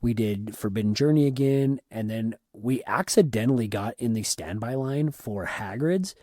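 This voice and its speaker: A man co-hosting a podcast, chatting casually and excitedly about a theme park trip, often repeating words. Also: medium pitch, moderate pace, no echo, studio quality. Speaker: podcast co-host. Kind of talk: casual trip recap chat.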